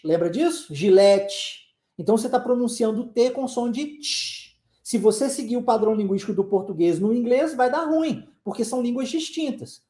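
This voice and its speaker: A man with a very high, dark-toned voice and a Southeastern Brazilian accent teaches an online language lesson in an echoey room. This English teacher is playful, using sound effects to show pronunciation.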